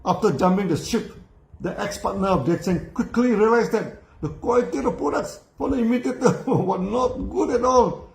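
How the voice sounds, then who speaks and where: An older Malaysian man tells a business story in a voice set fairly high for a man. He keeps tacking "no" and "you know" onto his lines and chuckles along the way. The room gives his voice a roomy echo. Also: moderate pace, creaky, darkish tone. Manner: tag questions, frequent "no" and "you know", chuckling while telling. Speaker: company founder telling his story. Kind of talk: storytelling talk.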